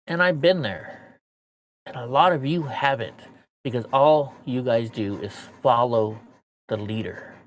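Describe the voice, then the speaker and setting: A man's voice: medium pitch, unhurried. An American man with missing front teeth venting bluntly and casually to his stream viewers, swearing as he rambles. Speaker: streamer, show host. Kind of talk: candid monologue to viewers, casual and profane.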